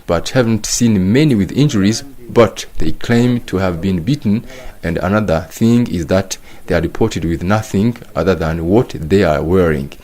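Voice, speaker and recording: Brief: male interpreter voice-over for a news piece, fairly low, measured and formal. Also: a little mellow.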